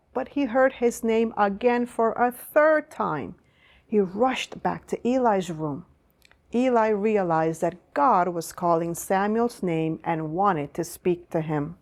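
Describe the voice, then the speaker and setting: A woman presenting a Bible story lesson to children like a kids show host, asking them questions with deliberate, teacherly phrasing. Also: medium pitch, a little mellow.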